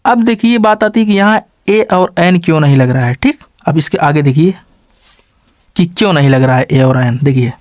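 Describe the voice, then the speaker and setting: A man teaching an English grammar lesson. He asks questions and answers them himself, adds a quick "okay" after every step, and slows down to spell out example sentences word by word. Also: fairly high pitch, animated, dry recording, studio quality.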